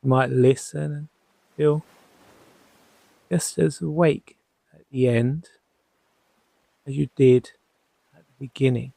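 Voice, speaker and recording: This guided sleep hypnosis comes from a male hypnotherapist whose mid-range voice is mellow and creaky with fairly even intonation. Close and dry with no room sound, he speaks in short, unhurried phrases separated by long pauses, calm and quietly reassuring.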